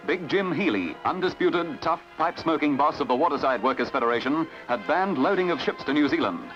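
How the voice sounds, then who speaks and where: A man gives formal, declamatory narration for an old 1950s newsreel. His voice sits a little high for a man. The sound is muffled and lo-fi, with music playing loudly beneath him.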